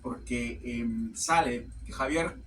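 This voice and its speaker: Halting man giving a tarot reading. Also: medium pitch, fairly bright tone, distant mic, slight background noise. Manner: halting, peppers nearly every phrase with "ok"; repeats words while searching for the next. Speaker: tarot reader. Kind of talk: casual tarot reading to camera.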